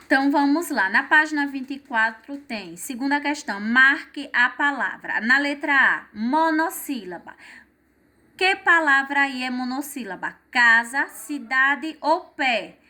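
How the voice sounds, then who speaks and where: Slow, bright-voiced teacher woman. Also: sits high, lively intonation. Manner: slow, patient, step-by-step, frequent "certo?". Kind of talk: explaining textbook exercises to children.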